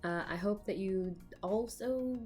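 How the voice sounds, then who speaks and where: A woman who has a cold narrates her speed paint for her art vlog, recorded at home on a laptop mic, with casual fillers and small laughs. Her medium-pitched voice is unhurried, darkish and slightly rough, and faint music sits in the background.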